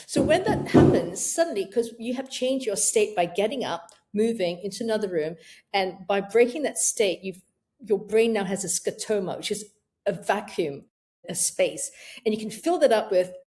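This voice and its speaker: A woman's voice: mid-range voice, moderate pace. A middle-aged woman coach answering interview questions, talking animatedly and acting out the voices in her head. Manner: animated, acts out inner voices. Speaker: menopause coach.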